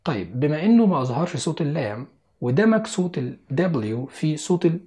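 A man's voice: on the high side, big pitch swings, fairly quick, a little mellow. A man with an Egyptian Arabic accent teaching English listening skills in an online lesson, explaining step by step and speaking straight to the viewer.

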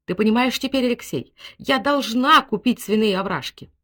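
A woman voicing a capricious, theatrical wife who speaks in high, shrill, dramatic exclamations. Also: normal speed, fairly bright tone.

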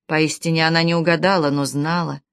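Bluff, impulsive male knight, exclamatory, low and dry, voiced by a woman reader. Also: level tone, brisk, clear, resonant tone, no echo. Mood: indignant. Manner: exclamatory, indignant.

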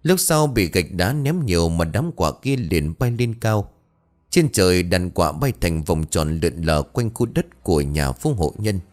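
Low-voiced guy reading a ghost story, swoops up and down a lot. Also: animated, a little slow, a little mellow. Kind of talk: scripted horror story narration.

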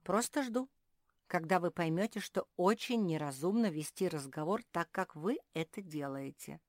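A woman voicing a calm, patient, wise female owl in a storybook reading. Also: on the low side, dry recording, studio quality, lightly acted. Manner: calm, measured, sighing.

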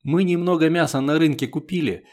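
Guy doing gentle worn-out mom, middle-aged, fussy and tender, audiobook. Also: on the high side, a little fast, voice pushed up, natural voice. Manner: gentle, fussing. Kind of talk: audiobook character voice.

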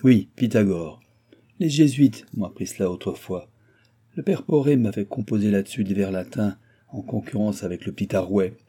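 Old mocking nobleman, man narrator, low husky tone, loud exclamations. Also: moderate pace. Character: old skeptical boisterous male baron.

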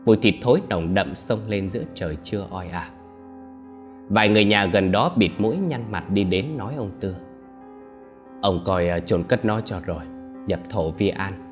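A man narrates a horror story in a dramatic, tense way. His low voice swings widely in pitch, and faint music plays beneath it. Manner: dramatic, tense, rises into shouted cries for quoted lines.

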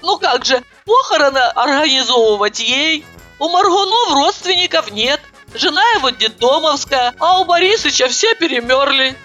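A woman reading an audiobook, voicing an excitable, tearful plump housewife who talks in shrill, wailing exclamations. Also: moderate pace, soft background music. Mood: explaining. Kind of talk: audiobook character voice.

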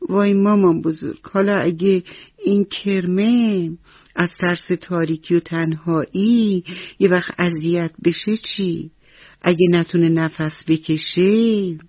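A woman's voice: on the low side, steady tone, no echo, muffled recording, lightly acted. A woman doing a worried little girl. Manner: worried, earnest pleading. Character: little girl, anxious and kind-hearted.

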